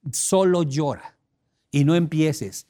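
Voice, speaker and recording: A man's voice: fairly high pitch, darkish tone. A man with a Mexican accent giving a motivational seminar, speaking emphatically and asking the audience questions. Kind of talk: seminar talk.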